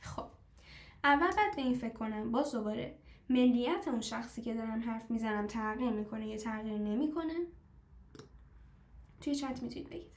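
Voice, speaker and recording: A language teacher whose first language is Persian runs a live online class in an echoey room, her voice slightly high. She explains things patiently step by step, quizzes the class with questions, and slows down whenever she models foreign phrases.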